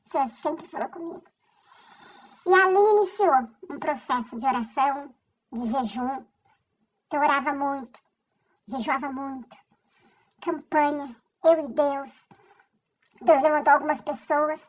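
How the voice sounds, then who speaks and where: Woman, high bright voice, emotional faith testimony, stop-and-start delivery. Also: low-quality recording. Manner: earnest and halting, with restarts. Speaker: person sharing a faith testimony. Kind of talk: personal religious testimony.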